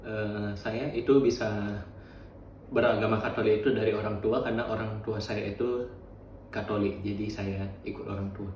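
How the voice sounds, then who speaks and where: Flat-voiced young man, far off. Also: fairly low pitch, reverberant, slight background noise. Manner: halting, with many fillers. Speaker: interviewee. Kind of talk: casual interview answers.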